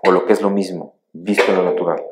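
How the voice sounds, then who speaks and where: A middle-aged male pastor preaches a sermon in a very low voice. He tells stories emphatically, rising loud then sinking quiet. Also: steady tone, fast, noisy background.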